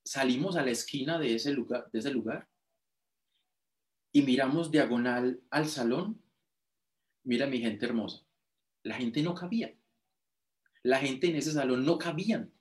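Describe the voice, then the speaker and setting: A man's voice: mid-range voice, measured pace, pauses often. A Colombian man giving a motivational talk, telling his own story with emotion and repetition. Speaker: motivational speaker. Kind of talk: personal testimony storytelling.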